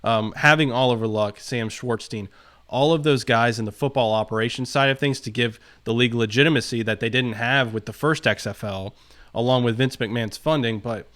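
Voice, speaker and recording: Man co-host, mid pitch, long reflective rambles, casual sports talk, call audio. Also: a little fast, a bit bright. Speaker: podcast co-host.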